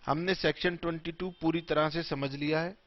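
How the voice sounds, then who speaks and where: A man teaching tax law in a classroom lecture, mixing Hindi and English in a slow, emphatic way. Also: a little high, steady tone, muffled recording.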